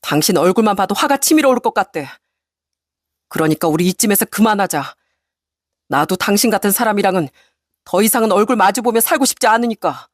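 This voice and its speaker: A woman voicing a cold, resolute middle-aged husband in a spoken story, talking flatly and deliberately. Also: mid-range voice, no echo, studio quality, lightly acted. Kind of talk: storybook radio narration.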